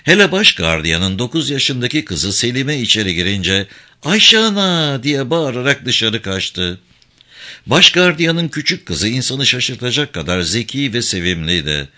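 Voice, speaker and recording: A man narrating a novel aloud in a measured storytelling manner. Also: medium pitch, very animated, bright, forceful tone. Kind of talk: audiobook narration.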